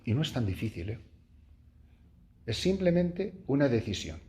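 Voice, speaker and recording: Animated Spanish priest preaching to nuns. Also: male voice, normal speed. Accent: Spain Spanish. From Spain. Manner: animated storyteller, jumps high acting out his own cries and laughs. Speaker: priest giving a retreat meditation. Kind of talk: spoken retreat meditation to nuns. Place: room with a small group of nuns.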